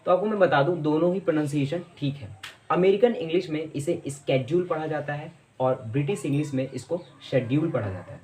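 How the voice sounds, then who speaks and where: A man teaching English pronunciation in Hindi, explaining each word patiently and repeating it slowly. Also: a little high, darkish tone. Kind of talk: explaining lesson to camera.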